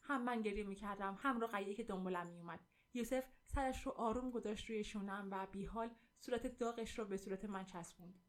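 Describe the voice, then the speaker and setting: A woman reading a first-person story aloud with vivid, expressive narration. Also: medium pitch.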